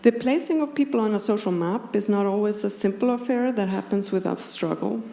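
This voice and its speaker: This is an Icelandic woman, a native Icelandic speaker with a matching accent, lecturing as an academic philosopher at a conference in a measured, precise way from a partly scripted text. Her voice is medium in pitch and mellow. She is indoors before an audience in a roomy hall where background noise is clearly audible.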